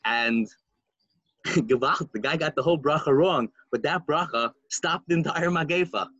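A man telling a story in casual chat, animated and full of fillers, putting on voices for the people in it. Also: a little high, normal speed, no echo, muffled recording.

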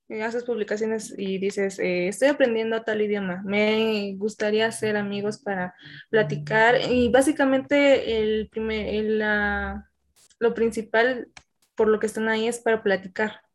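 A woman's voice: fairly high pitch, steady tone, moderate pace. A woman, an English teacher, explaining at length in a casual interview with many fillers.

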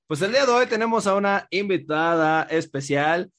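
A man with a Mexican accent co-hosting a casual chat, relaxed and full of slang. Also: high voice, moderate pace. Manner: slangy, relaxed, says güey a lot. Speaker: podcast co-host.

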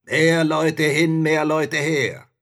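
A man voicing a huge, arrogant male spirit from a bottle in a storybook reading, with drawn-out, booming shouts. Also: little pitch movement, heavily acted. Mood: threatening.

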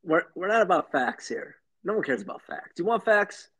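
A man's voice: high voice, animated, normal speed, sharp tone, husky. A man co-hosting a casual podcast, joking around and singing bits of songs for a music quiz. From lives somewhere hot. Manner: joking, sings song snippets for a quiz. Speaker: podcast co-host. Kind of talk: casual chat.

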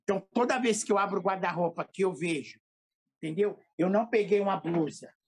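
Husky middle-aged sao paulo pastor, slangy and emotional, telling stories on a podcast. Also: male voice, high-pitched, a little fast. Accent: São Paulo Portuguese. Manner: slangy, animated, emotional storytelling. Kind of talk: casual storytelling in a podcast interview.

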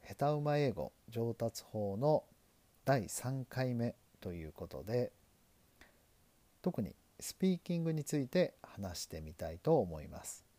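A middle-aged lawyer from Japan hosting a solo podcast, talking in an earnest, self-deprecating, measured way. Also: male voice, medium pitch, big pitch swings, mellow, no room sound. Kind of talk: solo podcast talk on learning English.

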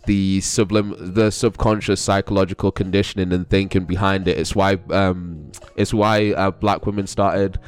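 A man's voice: low voice, flat delivery, moderate pace, few pauses, smooth. A young man with a London accent chatting casually as a vlogger, rambling and slangy. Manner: rambling, slangy, often breaks into chuckles. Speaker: vlogger giving commentary. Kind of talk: casual chat.

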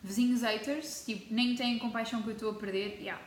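A Portuguese teenager with a European Portuguese accent talks casually to camera, dramatic and chatty, dropping in English words as she goes. She speaks fairly quickly in a fairly high, steady tone, amid a little hiss or hum and the faint ambience of an echoey room.

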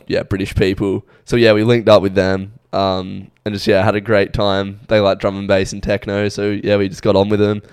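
Young Aussie bloke, podcast host, rambling casual storyteller, smooth low voice, dry sound. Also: male voice, no room sound. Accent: Australian. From Australia. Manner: laid-back, rambling storytelling with many fillers. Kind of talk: casual chat.

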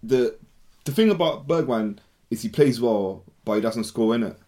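A man's voice: mid-range voice, animated, normal speed, mellow. A young man with an urban London roadman accent, talking slangily about football in a casual debate and often repeating himself. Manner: slangy, repeats phrases, often ends on "innit".

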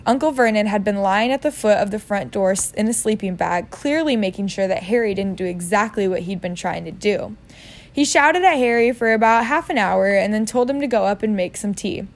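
A woman's voice: mid-range voice, animated, fairly quick. A woman reading a novel aloud in a casual way, joking about her own misreadings. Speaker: reader.

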